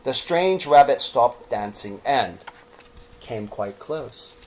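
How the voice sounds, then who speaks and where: Slow, animated male storyteller. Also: mid-range voice, low-quality recording. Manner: theatrical, drawn-out phrasing with pauses. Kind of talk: expressive children's story narration.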